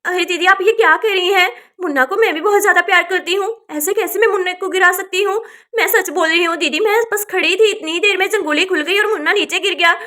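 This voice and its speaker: A woman's voice: very high-pitched, fast talker, hardly any pauses, sharp tone. A woman voicing a young village woman who frets and pleads while minding her sister's baby in a doll story. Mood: pleading. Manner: fretful, pleading.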